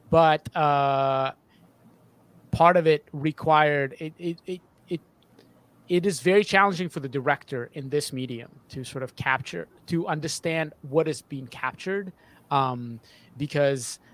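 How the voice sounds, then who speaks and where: In an interview, a sound designer in his thirties describes how he works, calling in by video from his small home studio. He keeps restarting and repeating words in a halting way, his voice medium-pitched and fairly bright. The mic is a desk boom positioned up close.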